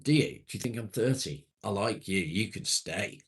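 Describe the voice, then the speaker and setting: A man's voice: on the low side, lively intonation, normal speed, breathy edge. A man in his late forties hosting a casual livestream, chatting matily with viewers and swearing now and then. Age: 40s. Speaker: livestream host. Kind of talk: casual live chat reading viewer comments.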